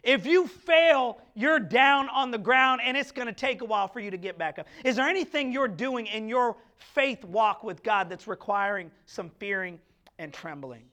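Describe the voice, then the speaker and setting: A man with a strikingly high, bright, forceful voice delivers a church sermon. He preaches with passion, firing rhetorical questions at the congregation and stumbling over quick restarts as he builds his point. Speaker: pastor. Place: church sanctuary.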